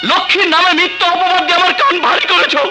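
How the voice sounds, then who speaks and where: An actor playing a righteous elder son, earnest and pleading, in a film scene with music behind. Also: male voice, very high-pitched, fairly even intonation, racing, low-quality recording. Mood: angry. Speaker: elder brother. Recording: film soundtrack with music underneath.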